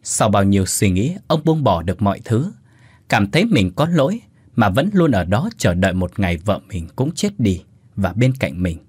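A male storyteller reads a horror tale in a low, husky voice. His pitch moves lively and dramatic. The recording is dry and close. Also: moderate pace, no echo. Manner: dramatic, with hesitant fillers in asides. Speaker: storyteller and channel host. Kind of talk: reading a horror story aloud.

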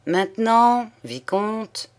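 A woman's voice: on the high side, lively intonation, very slow, voice pushed up. A woman reading the part of a haughty old nobleman, a count who speaks firmly and with cold contempt. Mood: stern. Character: haughty old male count, proud aristocrat. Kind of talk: audiobook character reading.

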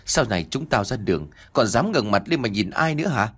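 A furious middle-aged father in an audiobook story, spitting out rapid, harsh threats, as a male narrator puts him on. The voice sits low and swings widely in pitch. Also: lively intonation, fairly bright tone. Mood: enraged.

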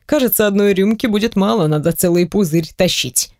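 An audiobook reader narrating a first-person story in an even, storytelling manner. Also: medium pitch, brisk, no echo, studio quality.

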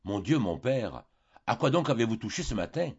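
A young countess answers her father with cool reproach, as a man reading a storybook voices her. The husky reading comes through a dull, lo-fi recording. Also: mid-range voice, very animated, normal speed. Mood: reproachful.

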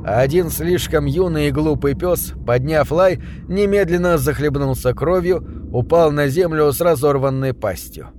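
A man narrating a novel in an even, measured storytelling manner. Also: a little high, slight background noise. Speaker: audiobook narrator. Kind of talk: scripted narration.

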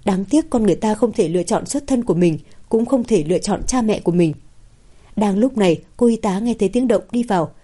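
Woman, audiobook narration, mellow dark tone, even storytelling. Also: mid-range voice, brisk.

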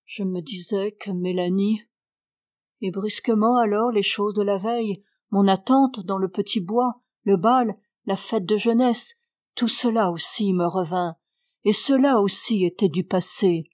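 A woman reading a novel aloud in a measured, even narration. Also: mid-range voice, dry recording, studio quality. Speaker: audiobook reader.

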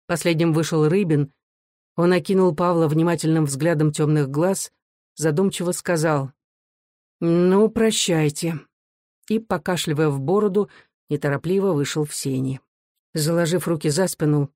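Measured audiobook narrator, dry sound. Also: mid-range voice, a little mellow, dry recording. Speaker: audiobook reader. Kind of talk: literary narration.

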